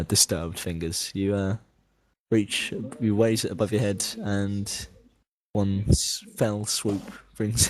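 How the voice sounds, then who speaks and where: A man from Britain narrating as game master of a tabletop game, often laughing and halting with ums. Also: low voice.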